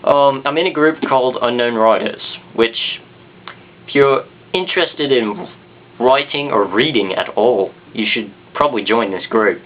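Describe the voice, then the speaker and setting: A man's voice: medium pitch, unhurried, slight background noise. A man with a Southern US accent rambling casually to the camera in an off-the-cuff, self-deprecating vlog. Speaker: video blogger. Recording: dull, muffled consumer camera sound.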